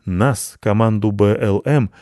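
A man's voice: fairly low pitch, a little slow, a little mellow, no room sound, clean studio sound, close to an everyday voice. A man voicing a proud, stern house cat who leads a little gang in a storybook reading. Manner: self-important and stern.

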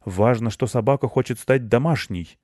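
A man's voice: mid-range voice, normal speed, mellow, dry recording, clean studio sound, pitched above the performer's own voice, lightly acted. A man voicing a self-important male hedgehog who lectures in a storybook. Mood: lecturing. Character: pompous know-it-all male hedgehog.

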